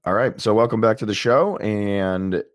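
A man hosting a casual sports podcast, his voice deep and hoarse from a chest cold, speaking haltingly with pauses. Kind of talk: casual solo sports commentary and interviewing.

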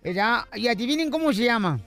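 A man hosting a rowdy comedy radio show, loud and joking, often shouting punchlines. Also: extremely high pitch, expressive, quick pace, gravelly, soft background music.

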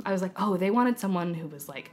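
A young American woman with a fairly low, animated voice speaks a little fast over faint background music. A San Francisco filmmaker and actor, she is a giggly podcast guest who tells stories and acts out the quotes in casual conversation.

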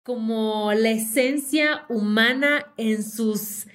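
A woman's voice: fairly high pitch, very slow, fairly bright tone. A woman from Yucatán with a Yucatecan Mexican accent, co-hosting a podcast in a playful, slangy chat full of laughter. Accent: Yucatecan Mexican Spanish. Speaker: podcast co-host. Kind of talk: casual chat.

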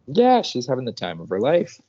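A male podcast co-host who talks about comics enthusiastically and chimes in with quick agreement. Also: medium pitch, wildly swooping pitch, warm tone, breathy edge, dull audio. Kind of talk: casual comic book discussion.

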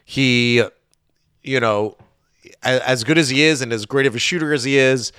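A man's voice: mid-range voice, fairly even intonation, normal speed, a bit bright, clear, resonant tone, dry recording. A man with a mid-range voice talks through his opinions on a sports podcast, casual and searching as he goes. The recording is dry and close to the mic. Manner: conversational, thinking aloud with fillers. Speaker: podcast co-host.

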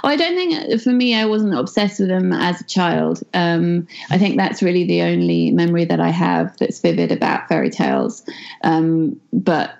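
A woman's voice: lowish voice, very animated, moderate pace, vocal fry, darkish tone. A woman chatting enthusiastically in an interview, rambling and correcting herself as she goes. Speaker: guest. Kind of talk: casual interview chat. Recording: dull, muffled audio.

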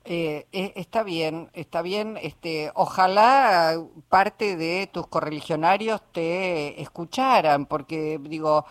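A man's voice: on the high side, slow pace, few pauses. A man with an Argentine accent hosting a radio interview, who pushes back and presses his guest. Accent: Argentine Spanish. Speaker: radio host.

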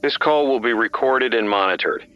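A man voicing the automated recorded message on a prison phone line, in a flat announcing manner. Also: mid-range voice, moderate pace, faint music behind. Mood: formal.

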